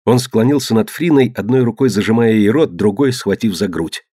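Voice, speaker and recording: Male audiobook narrator, measured and low, dry close recording. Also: warm tone, slightly rough, dry recording. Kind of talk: scripted narration.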